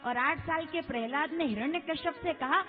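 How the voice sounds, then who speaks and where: A woman with a very high, piercing voice preaches an impassioned devotional sermon. She keeps throwing rhetorical questions at a large crowd. Her voice rings through a long, echoey space on a tinny, phone-like recording, with faint music behind. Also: moderate pace. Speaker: kathavachak preacher. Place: large religious gathering.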